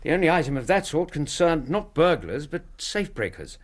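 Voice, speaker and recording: An actor playing an earnest, loyal English gentleman doctor and detective's companion in a radio drama, courteous and measured. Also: a little high, sing-song. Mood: earnest, reporting. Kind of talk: BBC radio drama acting.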